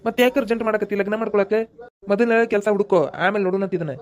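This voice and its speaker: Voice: mid-range voice, steady tone, natural voice. A performer with a North Karnataka Kannada accent voicing a practical village friend in a cartoon, giving matter-of-fact advice. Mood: firm. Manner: advising, matter-of-fact, quick. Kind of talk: cartoon voice acting.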